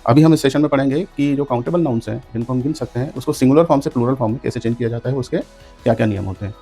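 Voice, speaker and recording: A man's voice: mid-range voice, a little mellow. A man teaching an English grammar lesson in Hindi, explaining rules step by step and spelling words out letter by letter. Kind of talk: classroom lesson.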